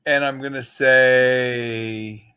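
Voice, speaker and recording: Casting: man, slow hesitant delivery, short interjections on a sports panel. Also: medium pitch, steady tone, sharp tone, clean tone. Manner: hesitant, brief remarks. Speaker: sports talk show regular. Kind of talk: casual sports chat.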